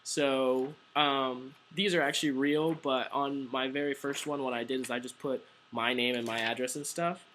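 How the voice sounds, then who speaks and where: A young man explains door-to-door marketing in a loose, chatty way, full of ums and false starts. His pitch sits in an ordinary middle range. Faint ambient noise hums behind him. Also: fairly even intonation, normal speed, few pauses, fairly bright tone, poor audio. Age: young adult. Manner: informal and chatty, many ums and restarts. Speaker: painting business owner training door-to-door marketers. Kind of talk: casual instructional talk to camera.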